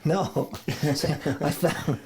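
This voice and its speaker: With a fairly high pitch, fairly even intonation and drawn-out words, a middle-aged Idaho man rambles through stories as a casual interview guest. He chuckles frequently and restarts his sentences, with background noise present.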